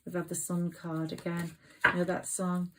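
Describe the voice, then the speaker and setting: A woman's voice: lowish voice, completely flat delivery, normal speed, heavy background noise. A woman reading tarot cards to her viewers in an effusive, rambling, sentimental way. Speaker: tarot reader. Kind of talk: tarot card reading to camera.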